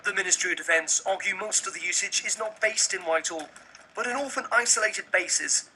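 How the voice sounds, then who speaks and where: A man's voice: sits high, sharp tone, slight background noise, low-quality recording. A man with a British accent narrating a scripted television news report as the reporter.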